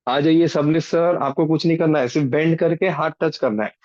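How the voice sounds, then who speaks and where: A man's voice: on the high side, a little fast, darkish tone. Indian male workout coach, roomy dull sound. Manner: urging, repeating short commands and counting aloud. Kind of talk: live exercise class instruction, mixing Hindi and English. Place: online group video call. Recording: dull, roomy video-call audio.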